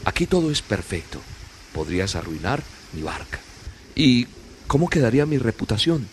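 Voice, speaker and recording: A man's voice: medium pitch, very animated, normal speed, a little hiss or hum, close to an everyday voice. Man playing vain, fussy Pride. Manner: fussy, self-regarding.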